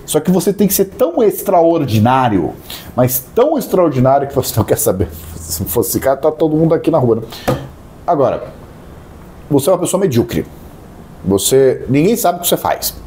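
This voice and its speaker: A man co-hosts a casual podcast, ranting with jokey asides. His pitch rises and falls a lot, and his tone stays warm and mellow. A faint noise sits under the voice. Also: sing-song, a little fast. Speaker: podcast co-host.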